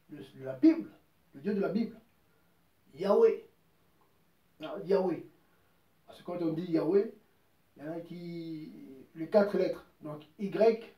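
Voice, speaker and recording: A man delivers an informal sermon in a slightly high but mellow voice, repeating himself for emphasis and quoting scripture at length. He sits back from the microphone, and the room adds a noticeable echo. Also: distant mic. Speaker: preacher. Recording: roomy echo, voice from off mic.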